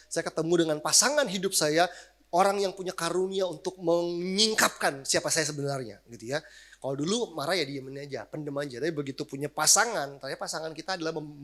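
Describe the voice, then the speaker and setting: A man, a pastor giving a casual sermon, animated and slangy in his asides. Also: fairly high pitch.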